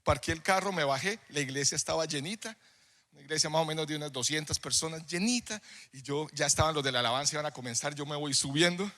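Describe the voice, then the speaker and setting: A man preaching a sermon, telling a personal story in a conversational way that builds into loud, emphatic preaching. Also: a little high, quick pace. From Colombia. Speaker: pastor. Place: church hall. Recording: live sermon in a reverberant hall.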